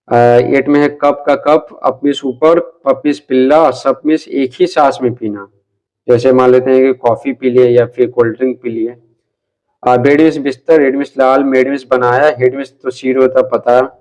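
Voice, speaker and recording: Man, teacher, lesson explanation, slow read-aloud then chatty explaining, middle pitch. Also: a little mellow, highs cut off. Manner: reads English slowly, then explains, with fillers like "ठीक है" and "है ना". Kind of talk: explaining English lesson answers.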